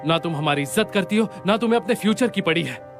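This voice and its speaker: Dub role: man doing blunt scolder, lightly raised pitch, soft score behind. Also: fairly quick, soft background music, close to an everyday voice. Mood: scolding. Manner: stern and lecturing. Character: strict, blunt young man who scolds her. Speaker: dubbed drama character. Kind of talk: Hindi dub of a drama.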